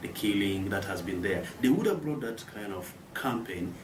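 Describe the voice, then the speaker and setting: A Ugandan man from northern Uganda, a student leader, giving measured interview answers with many pauses. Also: on the low side, lively intonation. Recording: roomy, distant mic, noisy outdoor ambience.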